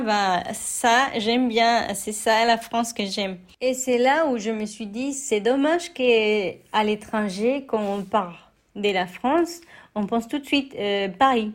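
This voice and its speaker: Mexican woman, young adult, unhurried and halting, Spanish accent, interview guest. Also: on the high side. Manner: hesitant, many fillers and restarts. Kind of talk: interview testimony.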